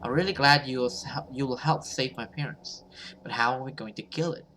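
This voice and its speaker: Reading a horror story aloud, a gamer narrates and voices the dialogue in a medium-pitched, pushed and bright voice, a little fast. He sometimes stumbles over words and rereads. The recording is rough, with slight background noise.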